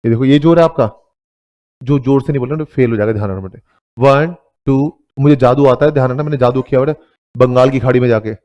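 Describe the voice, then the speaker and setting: A man's voice: medium pitch, quick pace, dark tone, muffled recording. A man with an Indian accent teaching an accounts class, mixing Hindi and English, joking with his students and calling them "beta". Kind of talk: classroom lecture.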